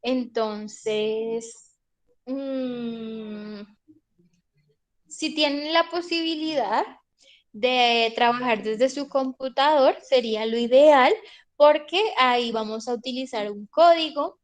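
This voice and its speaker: A woman's voice: high-pitched, animated, slow. A young woman teaching an online English class, patiently checking in with her students. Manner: patient, checks in with "¿listo?" often.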